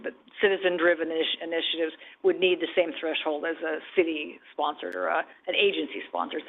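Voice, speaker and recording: A man's voice: on the high side, gravelly. A man chairing a city council meeting, giving his report with joking, teasing asides. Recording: tinny phone-like broadcast audio.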